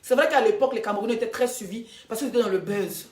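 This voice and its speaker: A woman's voice: a little high, fast talker, a little mellow. Emphatic Ivorian woman livestreaming in an echoey room. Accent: Ivorian French. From Ivory Coast. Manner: emphatic, repeats herself, voice rising and dropping sharply. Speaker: social media livestreamer. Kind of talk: heated livestream monologue.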